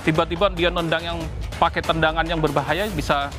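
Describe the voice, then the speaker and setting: A man working as a taekwondo instructor, explaining kicks patiently and often pausing to find his words. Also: on the high side, steady tone. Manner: patient, instructive, frequent hesitations. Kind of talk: demonstrating and explaining. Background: background music.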